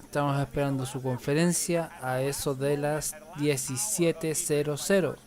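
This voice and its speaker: A man with a Chilean Spanish accent talks live on a stream, killing time with loose, rambling commentary. His voice sits a little high for a man. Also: steady tone, moderate pace, darkish tone, soft background music. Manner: casual, rambling filler talk while waiting. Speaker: stream host.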